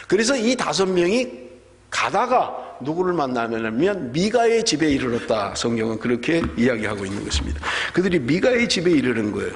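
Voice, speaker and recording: A male pastor preaching a sermon in a church sanctuary, animated and full of rhetorical questions to the congregation. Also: a little high, brisk. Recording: long church hall reverb.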